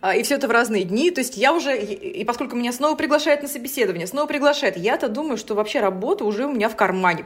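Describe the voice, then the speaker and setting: A woman in her thirties tells her own story in a podcast interview. She talks fast and brightly, and she laughs often between her points. Her voice sits a little high. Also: husky. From Saint Petersburg, Russia. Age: 30s. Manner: lively, laughs often while telling stories. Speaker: guest trader.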